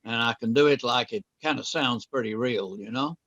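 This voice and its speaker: A man sitting as a portrait model, bantering in a joking, deadpan way, over dull video call audio. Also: mid-range voice, moderate pace. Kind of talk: playful banter.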